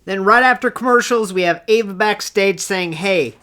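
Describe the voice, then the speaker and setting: A woman's voice: medium pitch, normal speed, a bit bright. A woman hosting a casual solo recap show, chatty and enthusiastic, who acts out the quotes she retells. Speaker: wrestling recap host.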